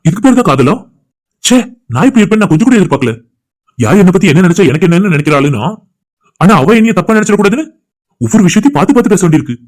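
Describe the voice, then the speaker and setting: A man voicing a lovesick young village man in a cartoon, speaking a soft, sincere inner monologue. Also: high voice, big pitch swings, racing, pauses often. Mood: longing. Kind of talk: cartoon voice acting.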